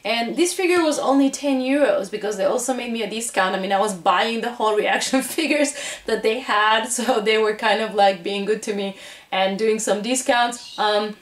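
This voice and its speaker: In an echoey room, a woman hosts a casual haul vlog, enthusiastically gushing over the collectibles she shows off. Her voice is on the high side at a moderate pace.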